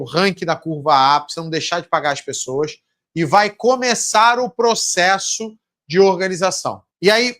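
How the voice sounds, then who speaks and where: A man's voice: sits high, fairly bright tone. A man with a Brazilian accent coaching supermarket owners in a live seminar, blunt and swearing, acting out talks with suppliers and banks. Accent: Brazilian Portuguese. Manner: blunt, swears, acts out dialogues.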